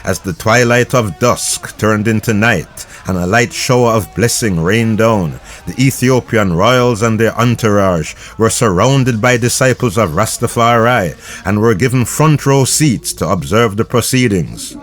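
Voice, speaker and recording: Man, low voice, scripted documentary narration, measured and formal.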